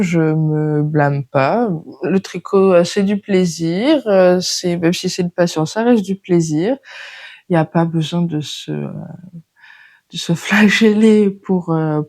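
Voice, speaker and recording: A woman's voice: mid-range voice, dark tone. A woman hosting a knitting podcast, chatting casually and hesitantly with many fillers. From France. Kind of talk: casual chat.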